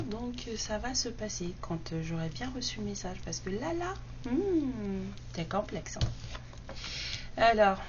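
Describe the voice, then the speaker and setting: A woman hosting card-reading guidance in a casual, blunt, unscripted monologue, speaking with one side of her mouth numb from the dentist. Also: medium pitch. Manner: blunt, unapologetic, colloquial. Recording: dull muffled sound, faint background noise.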